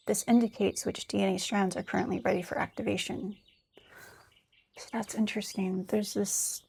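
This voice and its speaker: A woman with a gravelly, husky voice talks in a loose, rambling way, half reading from notes and half musing out loud. She is frank and unfiltered, tossing in fillers and the odd curse word. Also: medium pitch. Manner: candid, rambling, swears freely; thinks aloud with many fillers. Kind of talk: casual spiritual monologue, reading notes aloud.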